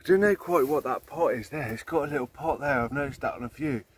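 A man's voice: medium pitch, brisk, husky. Rambling man filming outdoors. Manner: rambling, thinking aloud with many ums and trailing restarts. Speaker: vintage combine owner filming his machine. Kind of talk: casual walk-around narration. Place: outdoors in an overgrown field beside an old combine.

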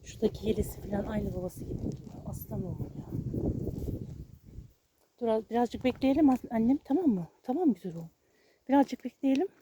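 A woman vlogging while out walking her dog, talking to it in a hushed, fussing way and to her viewers. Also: on the high side, lively intonation, brisk, long pauses, background noise. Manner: fussing and soothing, often hushed, then loud and pleading. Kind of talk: casual vlog narration and talking to her dog. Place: outdoors on a street.

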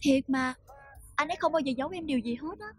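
An actress playing a worried young wife in a Vietnamese TV drama, pleading and anxious. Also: female voice, sits high, fast, faint music behind, lightly acted.

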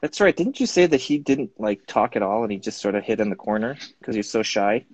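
A man's voice: on the low side, lively intonation, a little fast, a little mellow, husky. A man hosting a casual live-stream interview, easygoing and prompting his guest with short questions. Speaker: host. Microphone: live video stream.

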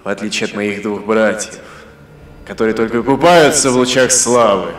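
A man voicing a sardonic ancient god of the underworld, speaking in a slow, sepulchral, sarcastic voice. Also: on the low side, a little hiss or hum, lightly acted. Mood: menacing, sarcastic. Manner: sarcastic, mocking. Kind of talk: audiobook character voice. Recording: echoey hall reverb with faint music.

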